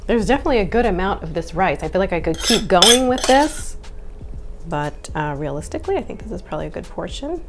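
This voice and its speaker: Woman chef, home kitchen, casual cooking demo, chatty, bouncy up-and-down pitch, faint music underneath. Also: animated, quick pace. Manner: chatty, upbeat, explains each step. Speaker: chef and recipe reviewer.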